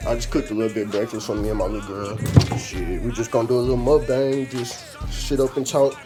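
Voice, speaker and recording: A young man hosting a casual vlog in a relaxed, slangy way, often filling with "you know what I'm saying", with music playing behind him. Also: medium pitch, fast. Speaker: YouTuber host.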